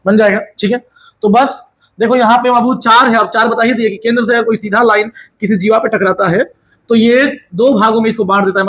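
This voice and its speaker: A man teaching maths in with a high, husky voice. He keeps the lesson casual and teasing, and scolds students playfully. He also puts questions to himself as a student would, then answers them. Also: a bit bright, poor audio. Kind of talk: casual classroom explanation.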